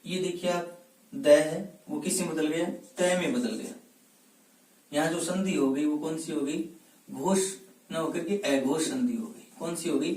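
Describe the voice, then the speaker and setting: A man with a somewhat high voice teaches a grammar class for exam students. He asks questions, answers them himself and drills words by repeating them. He sounds distant from the mic, in a room with a lot of echo. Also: unhurried, a little mellow. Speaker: Hindi teacher. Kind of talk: exam-prep grammar lesson.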